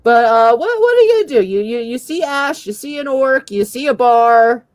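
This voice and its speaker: A woman narrating as game master, self-deprecating and quick to laugh, with halting restarts. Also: fairly high pitch, animated, no room sound.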